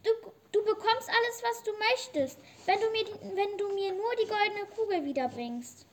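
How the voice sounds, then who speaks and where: A woman playing a very high, haughty young princess. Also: moderate pace, a little hiss or hum. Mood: eager. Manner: haughty and petulant.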